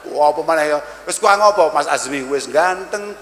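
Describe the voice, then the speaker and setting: Teasing preacher in echoey hall. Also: male voice, fairly high pitch, normal speed, a bit bright, slight background noise. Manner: jokey, teasing, mixes Arabic quotes with Javanese asides. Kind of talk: religious sermon. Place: large echoey hall at a boarding school.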